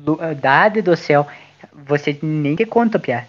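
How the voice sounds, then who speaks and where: A man's voice: a little high, expressive, unhurried, muffled recording. A man voicing a gossipy small-town neighbour lady, chatty and full of local slang.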